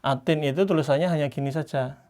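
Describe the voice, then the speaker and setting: A man teaching Quran reading in a class, patiently explaining and slowly modelling each Arabic word. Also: fairly high pitch, steady tone, a little mellow. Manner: patient, slows down to model Arabic words drawn out; explains by pointing at written examples.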